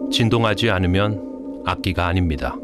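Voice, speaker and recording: A man giving calm, explanatory scripted documentary narration as a voice-over. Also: low-pitched, moderate pace. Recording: voice-over with loud music behind.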